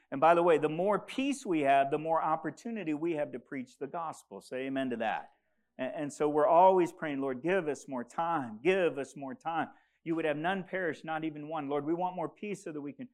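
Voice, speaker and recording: A man who grew up in Congo preaching a sermon, earnest and rising to urgent emphasis. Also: on the high side. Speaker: pastor.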